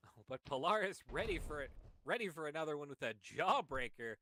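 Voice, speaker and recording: Male wrestling play-by-play caller, bright and forceful tone, slightly high voice, excitable. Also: a little hiss or hum. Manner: excited, calls moves quickly. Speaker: wrestling commentator. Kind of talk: play-by-play commentary.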